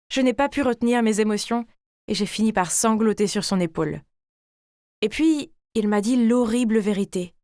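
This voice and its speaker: In a fairly high voice, a woman performs a first-person scripted animated tale with the expressive theatrics of a teenage girl recounting her drama. The sound is completely dry, with no echo or room.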